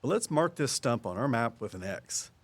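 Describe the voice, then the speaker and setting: Now measured and a bit puzzled, the audio drama's small-town conservation man keeps his easygoing, folksy way of patiently explaining things. His medium-pitched voice moves at a moderate pace with a sing-song quality.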